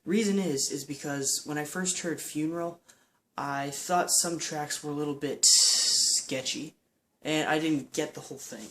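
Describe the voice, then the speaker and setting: A man with a slightly high voice talks through an album review in a loose, enthusiastic ramble. He keeps circling back with fillers and restarts as he works out his thoughts. A faint room tone sits behind him. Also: unhurried, bright, forceful tone, slight background noise. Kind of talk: casual spoken album review.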